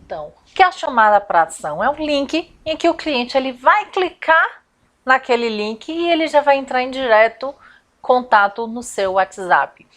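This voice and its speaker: In an informal how-to video, a confectioner and business coach from Salvador, Brazil, walks through her lesson step by step in a chatty way, frequently asking rhetorical questions. Her high voice is expressive and a bit bright, moving at a moderate pace.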